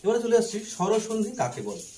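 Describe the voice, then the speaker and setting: A man with a Bangladeshi Bengali accent teaches grammar at the board, pausing to write and spelling letters out slowly. He poses questions and answers them himself in a fairly high voice that swings widely up and down. A faint hiss of background noise sits under the recording. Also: sing-song, mellow. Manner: asks and answers his own questions; slow and deliberate while writing, spelling out letters. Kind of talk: blackboard grammar lesson.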